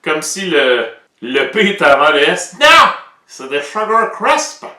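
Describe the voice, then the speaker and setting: Playful Québécois man, bright roomy sound. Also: fairly high pitch, unhurried, far from the mic. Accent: Québécois French. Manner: playful, joking, lively. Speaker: educational show presenter. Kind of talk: casual educational explainer.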